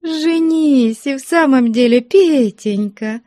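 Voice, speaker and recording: A woman voicing a sharp-tongued, teasing young lass. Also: high-pitched, expressive, unhurried, no echo, clean studio sound, pitched above the performer's own voice. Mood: teasing scolding. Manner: scolding, mocking, laughing. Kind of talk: audiobook character voice.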